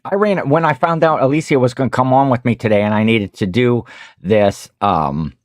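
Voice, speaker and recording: A man's voice: mid-range voice, normal speed, no room sound, studio quality. A man with a Midwestern American accent hosting a casual livestream, rambling while he eats and greets viewers in the chat. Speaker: host of a reseller livestream.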